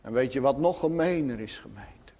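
A man's voice: medium pitch, animated, normal speed, warm tone. A man preaching a fervent, emphatic sermon in church. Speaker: pastor. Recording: long church reverb.

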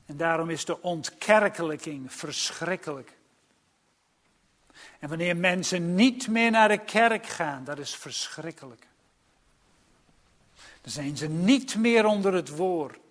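High-voiced, slow, earnest male preacher. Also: fairly bright tone. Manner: earnest, emphatic and warning. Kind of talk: sermon.

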